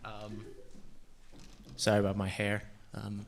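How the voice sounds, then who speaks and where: A young man from Central Europe performing a self-deprecating stand-up set on a comedy club stage, with deadpan delivery and frequent fillers. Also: on the low side, takes it slowly, vocal fry, slight background noise. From Czech Republic and Slovakia.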